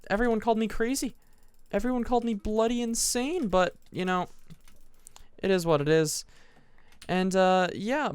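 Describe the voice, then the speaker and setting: A man's voice: on the high side, smooth, no room sound. A teenage boy casually telling a long story over gameplay, rambling and restarting his sentences often. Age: teens. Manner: rambling, self-interrupting, frequent restarts. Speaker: gaming commentator.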